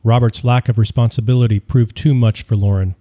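Male narrator for a true-crime read, very mellow dark tone, steady delivery. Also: medium pitch, brisk. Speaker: audiobook narrator. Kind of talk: scripted narration.

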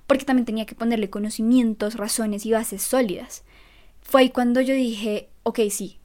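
Lively young woman telling her story. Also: fairly high pitch. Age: young adult. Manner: lively, self-mocking, jokes to the audience. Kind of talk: personal storytelling vlog.

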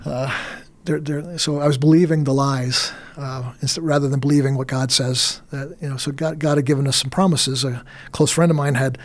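A man's voice: mid-range voice, steady tone, normal speed. A middle-aged man giving a faith interview as a guest minister, speaking earnestly and often restarting and repeating his words.

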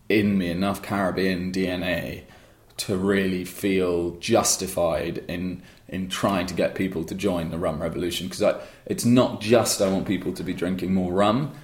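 A man with a deep, low voice talks at length in an interview about starting his own rum brand. His answers wander and restart, dotted with fillers. The room around him rings with echo. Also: darkish tone. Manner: rambling with frequent restarts and fillers. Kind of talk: conversational interview.

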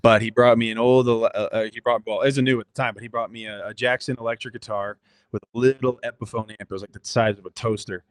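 A man's voice: medium pitch, level tone, quick pace, no room sound, rough recording. A young man from Connecticut, a musician and podcast guest, chatting casually and rambling, with many restarts and self-deprecating asides, over a computer mic. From Connecticut, USA. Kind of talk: casual interview chat. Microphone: computer mic over remote call.

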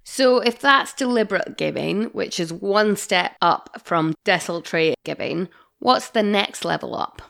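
A woman's voice: mid-range voice, lively intonation, a little slow, vocal fry, a bit bright. A woman co-hosting a casual podcast, teasing her co-host in a playful way.

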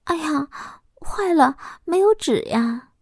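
A woman's voice: high voice, animated, takes it slowly, dry recording, studio quality, voice pushed up, exaggerated voice. A woman voicing a bashful woman near forty who speaks in a coy, girlish way.

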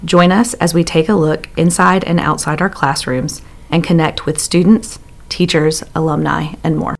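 Woman announcer, low and gravelly, reads the show opener. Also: steady tone, moderate pace. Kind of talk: scripted intro.

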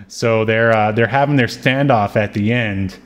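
A man with a lowish voice speaks at a normal pace as he co-hosts a podcast. He's reviewing a TV show in casual chat and often gropes for the right words.

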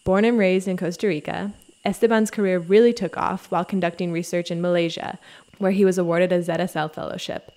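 A woman's voice: on the low side, steady tone, fairly quick, a little mellow, no room sound. Podcast host woman, dry close voice. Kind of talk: scripted narration and interview.

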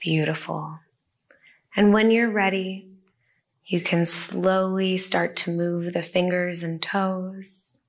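A woman guides a body-scan meditation in a gentle, soothing voice. Her voice sits a little low, and she speaks very slowly, leaving long pauses between phrases. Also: fairly even intonation. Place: a room with the listeners present.

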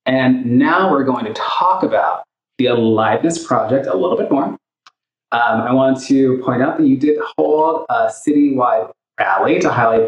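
A man hosting a podcast interview, asking questions with many fillers and pauses. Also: mid-range voice, echoey room. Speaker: podcast host.

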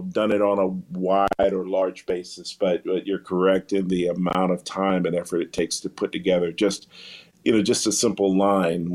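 A man hosts a relaxed interview, circling his questions with repeated words and restarts. His voice is very deep and low-pitched. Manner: rambling, repeats words, reminiscing. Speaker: interview host. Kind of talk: casual interview talk.

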